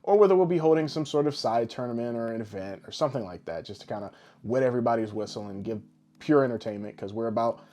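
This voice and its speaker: A podcast co-host delivers boisterous, tongue-in-cheek showman patter, casual, jokey, and rambling. His mid-range, mellow voice moves fast.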